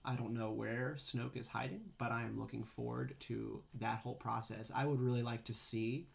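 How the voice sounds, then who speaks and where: A man's voice: medium pitch, little pitch movement, normal speed, gravelly. A man co-hosting a podcast in casual fan chat, playful and given to joking asides. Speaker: podcast co-host.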